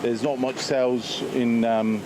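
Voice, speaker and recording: A man's voice: mid-range voice, little pitch movement, measured pace. A man who owns a chip shop, answering a news interviewer in a plain, matter-of-fact and slightly hesitant way. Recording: noisy outdoor recording with traffic.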